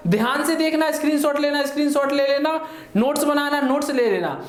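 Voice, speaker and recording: A male teacher with an extremely high-pitched, brisk voice gives an online exam-prep lesson. His style is chatty, and he checks in with his listeners often. The recording sounds like it was made in an echoey room.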